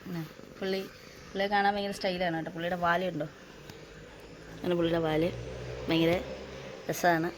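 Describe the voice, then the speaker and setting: Young woman, from Kerala, hoarse after a cough, lowish voice, casual home vlog chatter, filler-heavy. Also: flat delivery, normal speed, pauses often, noisy background. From Kerala, India. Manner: chatty, with many "appam" and "aa" fillers, addressing viewers as guys. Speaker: vlogger. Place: at home, indoors and in the yard.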